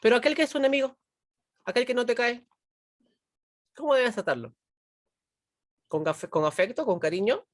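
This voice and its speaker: A woman's voice: fairly high pitch, moderate pace, long pauses, no room sound, clean studio sound. A woman teaching a philosophy class, constantly checking in with her students, asking them questions and pushing them to answer. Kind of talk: online pre-university class.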